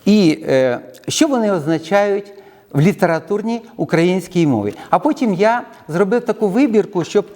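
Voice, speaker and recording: A middle-aged lecturer with a Ukrainian accent, speaking in a measured way and pausing often with hesitation sounds as he explains words. His pitch moves about a lot and sits a little high. The room rings with a long reverb. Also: lively intonation, a little mellow. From southern Ukraine.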